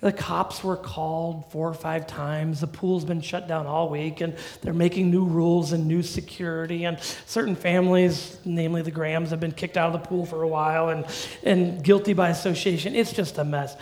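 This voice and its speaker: A middle-aged male pastor preaching a sermon in a conversational, animated way with humorous asides. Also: fairly high pitch, normal speed.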